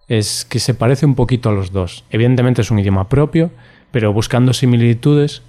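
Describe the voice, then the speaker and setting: A man's voice: medium pitch, a little fast, mellow. A man co-hosting a casual podcast, joking and laughing often. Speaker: podcast co-host.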